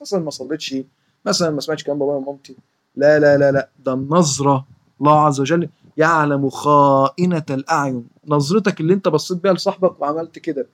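A woman with an Egyptian accent giving a religious lesson to children, emphatic and repetitive, slowing down to recite verses. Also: deep voice. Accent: Egyptian Arabic.

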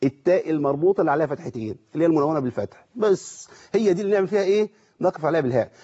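A man with an Egyptian accent gives a rapid tajweed lesson in a fairly high, mellow voice. He keeps putting questions to his students and answering them himself, and the recording sounds dull and lo-fi. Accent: Egyptian Arabic. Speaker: Quran recitation teacher. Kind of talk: tajweed lesson with recited examples.

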